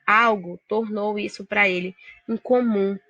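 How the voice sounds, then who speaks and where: Bright-voiced Brazilian woman teaching literature. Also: mid-range voice, steady tone, unhurried, dry recording, highs cut off. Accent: Brazilian Portuguese. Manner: explaining step by step, addressing students directly. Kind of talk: recorded video lesson.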